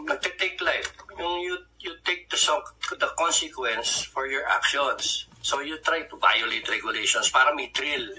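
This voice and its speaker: A Filipino man tells an old story in a loose, chatty way, laughing along and slipping into the voices of the people he quotes. His tone is very bright and forceful, with a faint hiss of background noise. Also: on the high side, rough recording. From Philippines. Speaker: guest recounting a survival story. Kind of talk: casual anecdotal storytelling.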